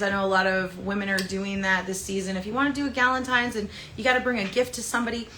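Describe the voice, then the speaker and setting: A woman's voice: fairly high pitch, pushed and bright, a little hiss or hum. A chatty woman hosting a live sales stream for a plant shop, playful and bubbly as she shows off plants. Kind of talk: casual live-stream selling.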